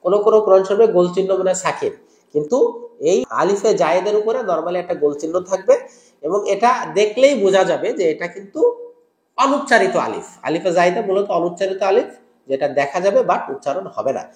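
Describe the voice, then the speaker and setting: High-voiced man teaching recitation, echoey room. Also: expressive. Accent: Bangladeshi Bengali. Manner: slow, drawn-out syllables when modelling recitation; patient, repeats each word several times. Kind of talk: tajweed lesson with call-and-repeat drills.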